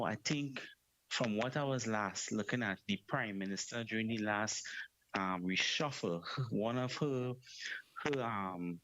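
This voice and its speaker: A man's voice: lowish voice, fairly bright tone, lo-fi sound. A man from South Trinidad with a Trinidadian accent, calling in to a talk show and asking a long, rambling question. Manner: rambling, repeats "right?". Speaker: caller.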